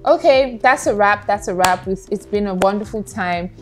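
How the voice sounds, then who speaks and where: Lively woman co-hosting reviews. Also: medium pitch, faint music behind. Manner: lively, teasing, quick interjections. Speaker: film review co-host. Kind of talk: casual movie review chat.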